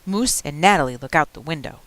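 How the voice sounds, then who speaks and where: A woman's voice: deep voice, lively intonation, fast talker, a bit bright. A woman voicing a young girl who speaks in short, simple, repeated sentences. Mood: flat, simple.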